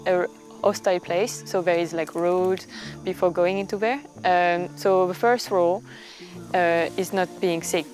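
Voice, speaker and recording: A woman gives unscripted explanations as a conservation worker in an interview. Her voice is a little low for a woman, with faint music and insect sounds behind her. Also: a little mellow.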